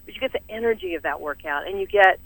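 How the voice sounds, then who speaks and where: A woman's voice: medium pitch, animated, fast talker, no echo, rough recording. A middle-aged woman with a Southern US accent, talking energetically as a fitness studio owner in an interview, laughing often. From American South. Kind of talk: enthusiastic interview talk.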